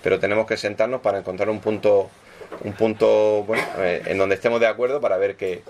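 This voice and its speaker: A man's voice: fairly low pitch, fairly even intonation, brisk, darkish tone, slight background noise. A man speaking as a football club executive at a press conference, explaining deals and signings and ending his points with tag questions.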